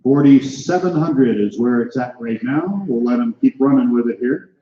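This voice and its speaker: A man's voice: medium pitch, animated, normal speed, dark tone. Echoey American male auctioneer calling bids. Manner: auctioneer's patter, clipped numbers and repeated calls to bidders. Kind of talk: live auction calling, rattling off climbing bid numbers. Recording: echoey room, slightly dull sound.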